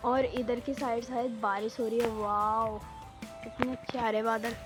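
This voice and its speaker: A woman's voice: on the high side, flat delivery, a little slow, over music. A young woman chatting casually in a rambling daily vlog, her throat a bit sore, talking into a handheld phone on a rooftop. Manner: chatty, rambling, full of fillers. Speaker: vlogger. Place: home rooftop, outdoors. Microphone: phone held in hand.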